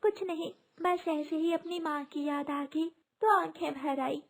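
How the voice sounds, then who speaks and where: A woman voicing a gentle, meek young bride sparrow in a cartoon, speaking in a pleading, timid way. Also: sits high, fairly even intonation, a little slow, voice pushed up.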